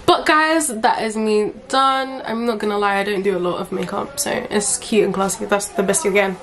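A woman's voice: medium pitch, steady tone, a little fast, fairly bright tone. A young woman chatting frankly through a makeup haul, casual and swearing now and then. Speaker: beauty vlogger.

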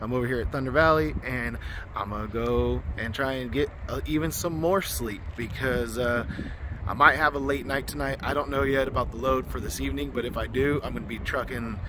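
A man's voice: medium pitch, a little fast. Chatty trucker man over truck noise. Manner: rambling and chatty, many fillers. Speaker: truck driver vlogger. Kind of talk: casual vlog narration. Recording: outdoor vehicle noise.

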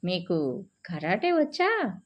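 A woman's voice: on the low side, wildly swooping pitch, slow pace, heavily acted. Preethi, a woman playing a bold young woman. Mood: probing. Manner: direct, questioning. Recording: dull lo-fi recording.

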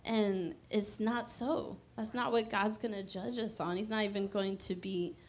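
On a church stage, a woman holds a mic and gives an emphatic, conversational sermon that eventually softens into whispered prayer. Her medium-pitched voice stays steady and unhurried.

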